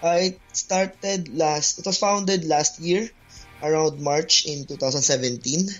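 A Filipino man whose first language is Tagalog answers interview questions haltingly; he plays bass in a band and is the guest here. His voice is fairly high and fairly bright, and he speaks without hurry. The call audio is dull and lo-fi, with music playing behind him.

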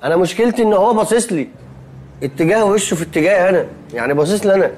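A man's voice: sits high, animated, a little mellow, a little hiss or hum. An actor playing a nervous, easily spooked young man who complains fussily, speaking Egyptian Arabic. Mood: anxious. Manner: fast, anxious, fussy complaining. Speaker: Saif, comic film character. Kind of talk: Egyptian comedy film acting.

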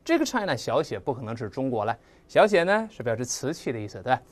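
A vocabulary teacher giving a recorded lesson, spelling out and slowly repeating English words and imitating clattering and clanging sounds aloud. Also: medium pitch. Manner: mimics sounds with lively onomatopoeia.

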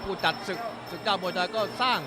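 A man giving excited live Muay Thai boxing commentary as a ringside commentator. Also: sits high, quick pace. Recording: loud music behind the commentary. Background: loud music.

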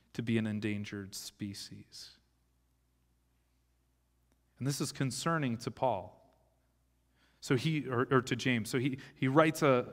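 A man in his thirties, a pastor, giving a conversational teaching sermon on a church stage with a live audience. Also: mid-range voice. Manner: conversational teaching with occasional restarts, gesturing on stage. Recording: long hall reverb of a church sanctuary.

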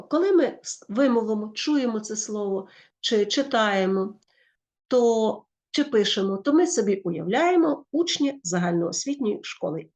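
Ukrainian woman, schoolteacher, lively explanatory delivery with frequent self-corrections. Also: medium pitch. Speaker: teacher.

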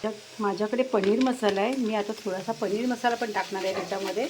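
A woman's voice: mid-range voice, steady tone, fast. A woman, explaining a home cooking recipe step by step and chatting to her parrot between steps. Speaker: home cook. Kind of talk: cooking demonstration. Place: home kitchen. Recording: loud kitchen noise. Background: sizzling pan and clattering pots.

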